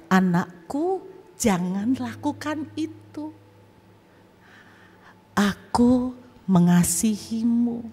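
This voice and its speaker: A woman voicing a slow, tender divine voice. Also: mid-range voice, slightly rough, long reverb tail, full character voice. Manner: slow, soft, drawn-out speech. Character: gentle male divine voice, calm and loving.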